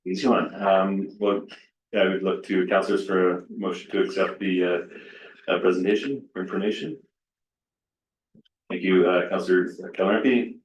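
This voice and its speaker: A man formally chairing a council meeting as deputy mayor, with a halting, hesitant delivery. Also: low-pitched, fairly even intonation. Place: indoor council chamber. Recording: roomy, distant, dull meeting microphone.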